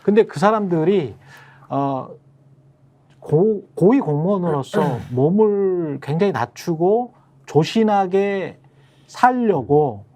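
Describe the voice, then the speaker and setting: A man's voice: high voice, expressive, slow pace, dark tone. A man on a political talk show, telling firsthand anecdotes in an emphatic, conversational way. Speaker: political panelist.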